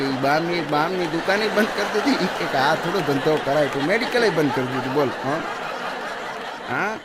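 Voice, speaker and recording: A man's voice: a little high, background noise. A man telling folk jokes on stage, chatty, with "ઈ કે" and "હા" after nearly every line. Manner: chatty, peppers lines with "ઈ કે" and "હા". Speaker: stand-up joke teller. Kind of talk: Gujarati folk comedy storytelling. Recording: long reverb of a hall.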